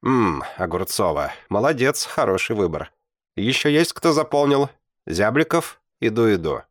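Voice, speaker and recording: A man voicing a stern, skeptical female history teacher who gives brisk, clipped classroom orders. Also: fairly low pitch, lively intonation, no room sound, clean studio sound, voice pushed up.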